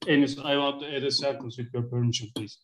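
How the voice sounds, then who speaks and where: A man's voice: medium pitch, fairly even intonation, a little fast, a loud crowd. A man giving procedural instructions to a jury as an event organiser.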